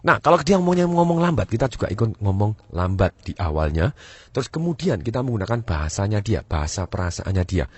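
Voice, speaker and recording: A man giving a sales training talk, acting out customer and seller voices and shifting his pitch and pace to demonstrate. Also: sing-song, a little fast, darkish tone, husky, dry recording.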